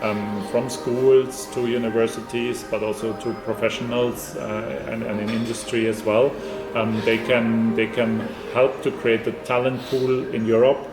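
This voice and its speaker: A man giving formal interview answers as an institute director, measured and full of ums and restarts. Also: mid-range voice, echoey room, over music, low-quality recording. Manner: measured, flat delivery with frequent ums and restarts.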